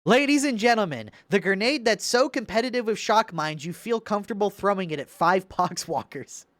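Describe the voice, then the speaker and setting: A man's voice: high-pitched, lively intonation, moderate pace, no room sound, clean studio sound. A young man giving casual, sarcastic commentary while reviewing gameplay, exasperated and swearing.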